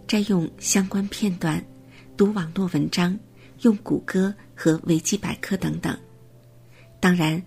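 A woman reading a prepared text as scripted narration, in a steady, measured way. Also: on the low side, creaky.

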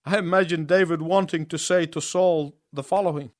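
A man preaching a sermon in short phrases, pausing so an interpreter can translate each one. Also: on the high side, steady tone, no echo, clean studio sound.

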